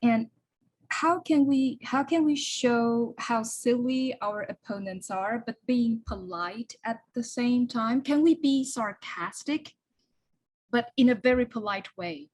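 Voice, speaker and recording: A woman's voice: on the high side, slow, a little mellow, low-quality recording. A woman attending a workshop, asking a question in a hesitant, polite way. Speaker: workshop participant.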